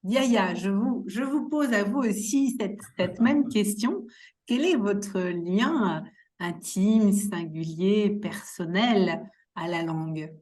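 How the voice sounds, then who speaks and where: A woman's voice: mid-range voice, takes it slowly, a little mellow. A woman moderating a webinar panel, courteous and hesitant, with many fillers as she asks her questions.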